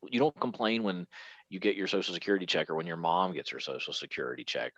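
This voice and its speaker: A man co-hosting a casual podcast chat, animated, repeating words and laughing often. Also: deep voice, fast talker, no echo. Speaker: podcast co-host.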